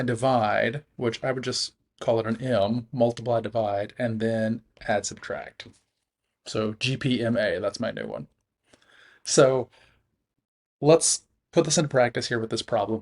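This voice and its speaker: A man teaching a recorded math lesson, talking through the steps in a relaxed way and chuckling at his own slips. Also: medium pitch.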